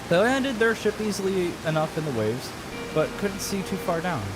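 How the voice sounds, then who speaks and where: A man voicing a friendly alien villager in a video game, telling a campfire tale with dramatic pauses. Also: high-pitched, sing-song, loud music behind the voice, voice pushed up, low-quality recording. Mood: storytelling.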